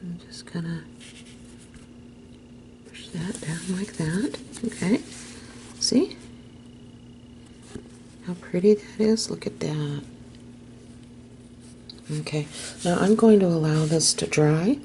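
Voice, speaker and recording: A woman hosting a craft tutorial, explaining each step gently and unhurriedly, sometimes dropping to a soft whisper as she works. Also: lowish voice, slow, long pauses, a little hiss or hum.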